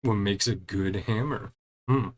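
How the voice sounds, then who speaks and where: A streamer playing through a story quest talks in an unhurried, fairly low voice. He keeps it laid-back and conversational, voicing the dialogue and slipping in short murmured reactions after each line.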